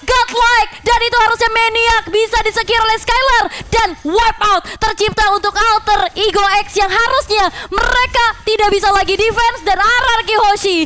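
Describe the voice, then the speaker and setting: A woman with an Indonesian accent calling esports action in an excited, rapid-fire fighting game announcer manner, with long run-on calls. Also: very high voice. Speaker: esports shoutcaster.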